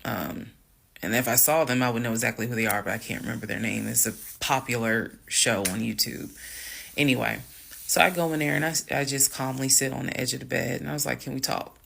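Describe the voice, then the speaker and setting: A woman with a gravelly, fry-edged voice tells her own story straight to her viewers. She keeps it calm and matter-of-fact, blunt and candid, with casual swearing mixed in. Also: a bass voice, fairly quick. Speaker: storytime vlogger.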